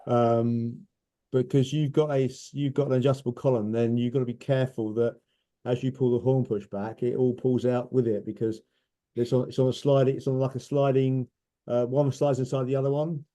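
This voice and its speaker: A man's voice: medium pitch, flat delivery, moderate pace, mellow. A man giving casual, informal technical explanations as a specialist answering questions, step by step.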